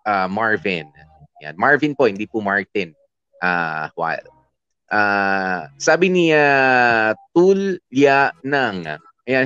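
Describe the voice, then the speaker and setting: A man's voice: mid-range voice, fairly bright tone, smooth, dry recording, dull audio. Chatty man with a sore throat. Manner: chatty, filler-heavy, mixes English into Tagalog. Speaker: advice show host reading listener comments. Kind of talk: casual chat.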